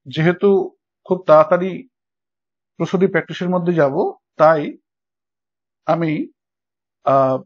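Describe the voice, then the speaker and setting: High-voiced Bengali man tutoring. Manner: patient, checks understanding with frequent "okay?". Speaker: English literature tutor. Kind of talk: online lecture explaining verse meter. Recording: dull lo-fi recording.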